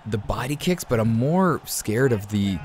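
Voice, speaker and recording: A young Canadian man with a cold breaks down his gameplay in a casual chat, often calling his listeners "man" and "guys." His mid-range voice is animated and unhurried, with a darkish tone.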